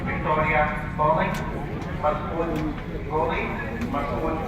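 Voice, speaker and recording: A man giving a formal airport announcement over a public address loudspeaker, paging passengers and repeating each name. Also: on the high side, little pitch movement, takes it slowly. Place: large airport terminal, picked up from afar. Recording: distant, very echoey, dull, very noisy loudspeaker sound.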